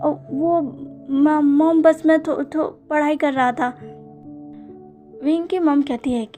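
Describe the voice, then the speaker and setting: Brief: female storyteller, high voice, faint music bed, reads all parts the same. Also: darkish tone. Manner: reads every character in much the same voice. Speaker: fanfiction narrator. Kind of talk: storytelling narration with character dialogue. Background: faint background music.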